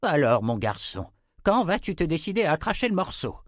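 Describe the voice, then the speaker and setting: A man playing a grumpy old wizard for an audiobook, his voice pushed high and loud. He blusters and complains. The recording is dry and close. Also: big pitch swings, no room sound. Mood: cranky, indignant. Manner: cranky, exclaiming, quick to complain.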